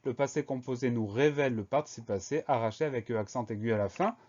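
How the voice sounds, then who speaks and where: A male teacher talks through a spelling lesson in a medium-pitched voice, steady and methodical, spelling each word letter by letter. The recording is slightly dull and lo-fi. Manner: slow, clear, methodical dictation.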